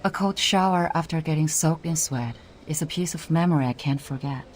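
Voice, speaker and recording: A woman's voice: sits low, a little fast, slight background noise, natural voice. An actress playing a composed woman official who fondly recalls her student days, in a game. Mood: nostalgic. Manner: reflective, nostalgic. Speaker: game character.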